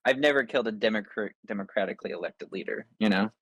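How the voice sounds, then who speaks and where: Low-voiced joking male player, dry sound. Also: fast, fairly bright tone, slightly rough, no echo. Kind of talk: casual tabletop game chat.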